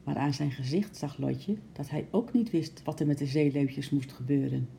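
A woman narrating a children's story aloud in a gentle, expressive way. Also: low-pitched, moderate pace, vocal fry, a little hiss or hum.

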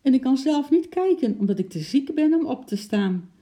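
A man voicing a sick, frightened older man in bed who calls out in a high, quavering, stammering voice. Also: expressive, normal speed, dark tone.

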